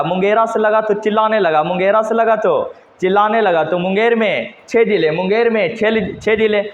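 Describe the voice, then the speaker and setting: A male teacher, teaching geography by mnemonics, asking questions and answering them himself in repetitive call-and-response. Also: high-pitched. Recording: echoey hall, dull lo-fi sound.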